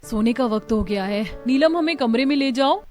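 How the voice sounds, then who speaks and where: A woman's voice: fairly high pitch, animated, normal speed, a little mellow, soft background music, natural voice. A woman voicing a spoiled, arrogant rich young daughter-in-law in a cartoon story, speaking in a sneering way. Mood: haughty. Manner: haughty, sneering.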